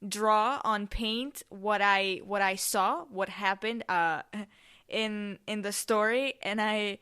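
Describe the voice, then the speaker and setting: Bright, clear-voiced young woman podcaster. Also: mid-range voice, fairly even intonation, slow. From Spain, with family in Mexico. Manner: rambling, self-correcting, informal. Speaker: podcast host. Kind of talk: casual solo storytelling.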